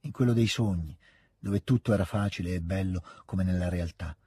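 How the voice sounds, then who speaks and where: A man with an Italian accent reading a classic novel aloud, measured and expressive, with a husky voice. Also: deep voice. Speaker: audiobook reader.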